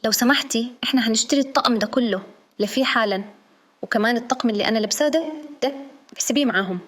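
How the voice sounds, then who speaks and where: A woman's voice: fairly high pitch, rapid-fire, natural voice. A woman voicing a bold young heroine. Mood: firm. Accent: Egyptian Arabic. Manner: confident, firm.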